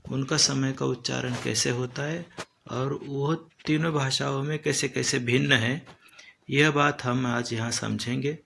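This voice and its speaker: A man teaching a lesson slowly and deliberately, repeating each term as he explains it. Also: mid-range voice, steady tone, creaky, fairly bright tone, slight background noise.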